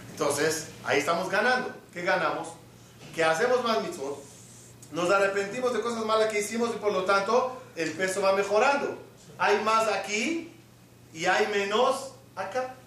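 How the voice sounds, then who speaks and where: Male rabbi, sermon, high voice, quizzes the congregation, far off in a reverberant hall. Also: fairly bright tone, a little hiss or hum. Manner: asks the audience questions and acts out little scenes. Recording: echoey hall, mic from afar.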